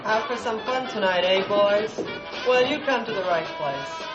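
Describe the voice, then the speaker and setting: A man's voice: sits high, lively intonation, unhurried. An actor playing a chummy, knowing doorman who greets customers in a film drama. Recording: dull, echoey sound with music.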